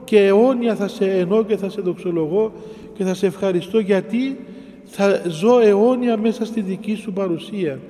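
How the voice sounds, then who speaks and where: A man preaching in a hall with a long echo, his voice high yet dark and mellow. He reads a verse, then explains it phrase by phrase, circling back and repeating himself with pauses. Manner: explains scripture line by line, repeating and pausing. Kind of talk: sermon on a psalm.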